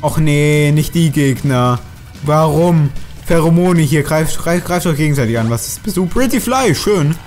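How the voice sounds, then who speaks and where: A man narrating his own game run in a slightly higher voice, talking steadily and grumbling at the enemies on screen. Faint game music plays behind his commentary. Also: measured pace, a little mellow. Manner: chatty, grumbling and swearing at enemies. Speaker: let's play host. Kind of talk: gaming commentary.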